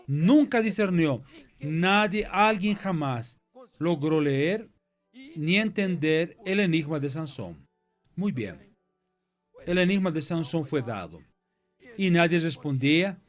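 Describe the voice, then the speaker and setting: Repetitive man preaching, faint music behind. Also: on the high side. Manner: retells the story with repetition and restarts. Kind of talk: Bible-class sermon. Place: church.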